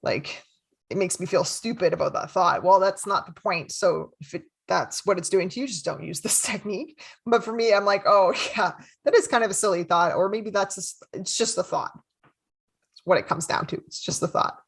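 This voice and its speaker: A young adult woman, a therapist hosting a podcast, talking casually and with self-deprecating humor, then guiding a slow, gentle meditation. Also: lowish voice, creaky, breathy edge. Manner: friendly and self-deprecating, laughs lightly.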